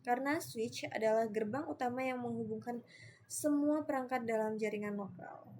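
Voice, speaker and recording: Over faint background noise, a young Indonesian-accented student presents her network lab exercise in a screen-recorded tutorial, typing and spelling each command out letter by letter. Her voice is fairly high and a little mellow, at a normal speed.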